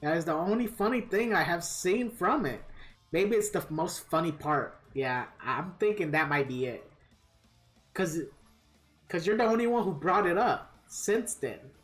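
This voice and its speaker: A woman's voice: on the low side, lively intonation, unhurried. A woman live-streaming a game, chatting casually with viewers in a kvetching, grumbling way and swearing freely. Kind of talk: casual livestream chat with viewers. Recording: guitar music behind the voice. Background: plucked guitar music.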